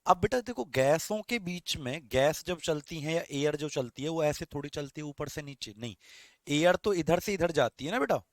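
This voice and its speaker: A male teacher giving an online class, dictating points slowly and repeating phrases for students to copy, asking questions and answering them himself. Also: a little high, lively intonation, dry recording.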